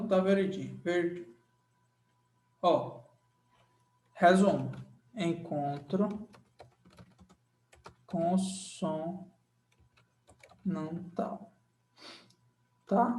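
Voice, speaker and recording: A man's voice: sits high, normal speed, few pauses, darkish tone. A man with a Brazilian Portuguese accent teaching a grammar lesson, drawing out words and repeating key phrases while checking in with his students. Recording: echoey room.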